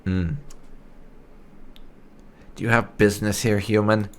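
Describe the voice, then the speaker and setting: A gaming channel player voices his game character in-character, playing the dialogue in a cheeky, teasing, thoughtful manner. His voice is lowish, level in tone, and slow.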